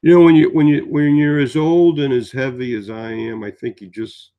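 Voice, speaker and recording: A man's voice: mid-range voice, little pitch movement, moderate pace, highs cut off. A man in his sixties, tired, chatting in a meandering, rambling way in a casual vlog. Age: 60s. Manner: meandering, chatty storytelling with many fillers. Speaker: vlogger.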